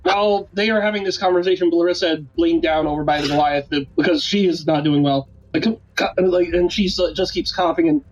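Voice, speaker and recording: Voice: medium pitch, a little fast, few pauses, dull audio. A game master narrating a tabletop game, rambling and often correcting themself mid-sentence. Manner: rambling, self-correcting, laughing.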